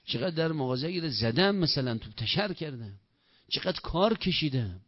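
A man's voice: fairly high pitch, animated. A regretful old spice seller pours out his guilt in a pleading, self-blaming voice, as a man puts him on in a sermon story. The sound is dull and lo-fi, with no room echo at all. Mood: remorseful. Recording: dull, lo-fi, dry recording.

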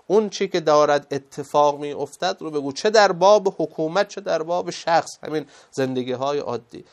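Emphatic male preacher, slightly high voice. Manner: emphatic, with rhetorical questions and acted-out quotes. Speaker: religious speaker. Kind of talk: moral lecture.

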